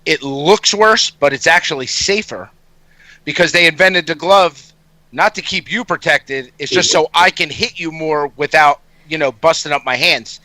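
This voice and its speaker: A man's voice: on the high side, moderate pace, sharp tone, dry recording, rough recording. A man hosting an interview show, chatting casually and enthusiastically about sports.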